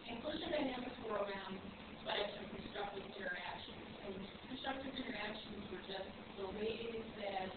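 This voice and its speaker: Echoey, distant woman hesitantly defending her thesis. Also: mid-range voice. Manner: hesitant, hedging, halting with self-corrections. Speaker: doctoral candidate presenting research. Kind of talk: academic thesis defense presentation. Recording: echoey, noisy, phone-like, far from mic.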